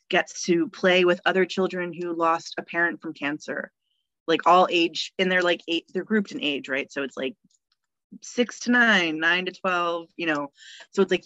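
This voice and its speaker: A woman's voice: on the low side, fairly bright tone, no room sound, lo-fi sound. A woman, a death midwife talking in a casual podcast conversation, cheerful and full of fillers. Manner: chatty, cheerful, laughs often, many fillers.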